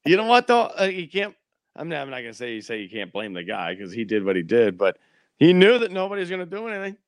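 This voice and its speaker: A man's voice: fairly high pitch, wildly swooping pitch, fast, dry recording. A man co-hosting a podcast, laid-back and joking in casual banter. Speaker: podcast co-host. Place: podcast studio.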